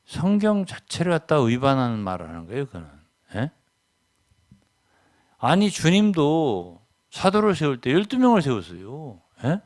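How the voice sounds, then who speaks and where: An older man preaching a sermon as a pastor, emphatic, often checking in with the congregation with a quick question. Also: wildly swooping pitch. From South Korea. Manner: emphatic, keeps asking "예?" to the congregation; swings between loud stresses and low asides.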